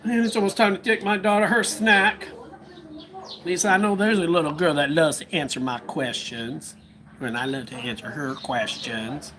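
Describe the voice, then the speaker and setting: A man's voice: on the high side, steady tone, moderate pace, a crowd in the background. An American man hosting a casual livestream, rambling and musing aloud to his viewers from home. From United States. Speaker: livestream host.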